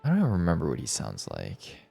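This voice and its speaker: A man streaming a video game, joking and reacting loudly in casual commentary. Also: rumbling low, wildly swooping pitch, fast, vocal fry, breathy edge, faint music behind.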